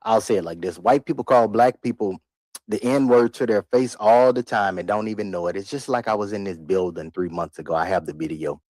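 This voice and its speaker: A man's voice: on the low side, a little fast, darkish tone, no echo. A man streaming live, giving loose, rambling reaction commentary into a microphone, repeating himself and laughing between remarks. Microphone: desk microphone.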